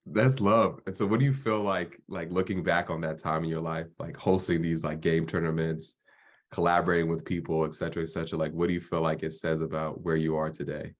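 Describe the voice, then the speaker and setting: Laid-back young host, deep flat voice. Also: male voice, brisk. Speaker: podcast host. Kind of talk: casual interview chat.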